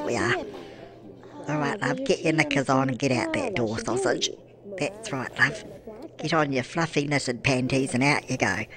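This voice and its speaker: A gameplay narrator voices a chatty, doting old grandmother in character, fussing, cooing endearments and answering her own questions as he narrates a life-sim game. His voice is medium-pitched and lightly acted. Music plays in the background.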